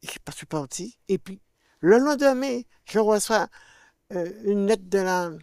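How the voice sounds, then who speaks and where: A woman's voice: mid-range voice, measured pace, clear, resonant tone, dry recording, clean studio sound. Older Martinican woman telling her testimony. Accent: Martinican French. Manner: animated, acts out quoted dialogue with swings in loudness. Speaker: guest sharing a faith testimony. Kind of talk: personal testimony storytelling.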